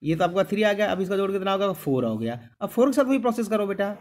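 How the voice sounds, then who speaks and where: Lively-voiced maths teacher, man. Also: high voice, quick pace. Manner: calls the students "beta", keeps asking "clear?"; patient, repeats each step. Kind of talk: classroom lesson.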